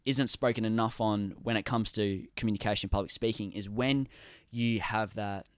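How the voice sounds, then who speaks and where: A man's voice: fairly low pitch, steady tone, normal speed, clean tone, no echo. A man with an Australian accent hosting a podcast, asking long, enthusiastic, rambling questions. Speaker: podcast host. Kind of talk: casual podcast interview.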